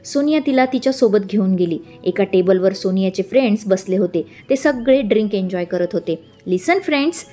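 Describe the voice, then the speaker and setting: A woman narrating a romance story in an even, calm reading voice. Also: medium pitch, brisk, few pauses. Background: faint background music.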